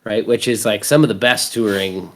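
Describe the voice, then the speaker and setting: His voice is lowish and his speed normal. He's a thirtysomething podcast host with a Canadian accent, chatting casually and telling wandering, lively stories full of free swearing.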